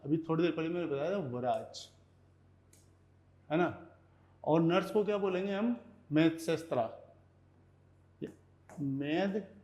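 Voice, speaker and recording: A man teaching Russian vocabulary in Hindi, repeating each word slowly and checking in with "okay" as he goes. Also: a little high, lively intonation, warm tone. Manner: repeats words slowly, often says "ठीक है". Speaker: language teacher.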